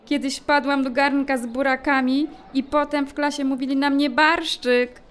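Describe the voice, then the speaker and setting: A woman voicing a small, timid young female hamster schoolgirl in a squeaky, thin little voice for a children's audio story. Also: little pitch movement, moderate pace, a bit bright. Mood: cheerful. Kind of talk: audiobook drama acting.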